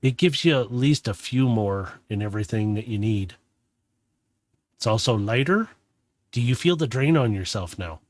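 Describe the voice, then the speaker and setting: A man's voice: fairly low pitch, lively intonation, moderate pace, no room sound. Man acting as female robot tinkerer, mad scientist muttering, fussy, gleeful, repeats words, tabletop game, dry sound. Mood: eager haggling.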